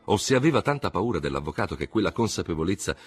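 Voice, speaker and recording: A man reading a novel aloud as an audiobook narrator, measured and expressive. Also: low voice, husky. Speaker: audiobook reader.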